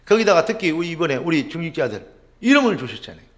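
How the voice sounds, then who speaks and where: A middle-aged male pastor preaching a sermon, asking rhetorical questions and dropping suddenly to a low murmur. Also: big pitch swings, quick pace.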